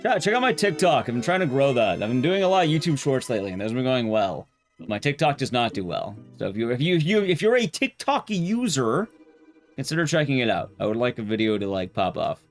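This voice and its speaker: Chatting with viewers during a game stream, a man talks fast in a sing-song, mid-range voice, rambling along in a blunt, conversational manner. Soft music plays in the background.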